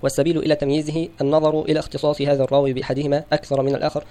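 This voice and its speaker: A man reading a religious scholarly text aloud for an audiobook, in a steady, formal recitation. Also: a little high, rapid-fire. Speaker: audiobook reader.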